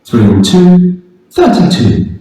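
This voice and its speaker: A man's voice: on the high side, wildly swooping pitch, slow pace, dark tone. A man calling bingo numbers in a formal, sing-song pattern. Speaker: bingo caller. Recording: echoey venue PA from far off.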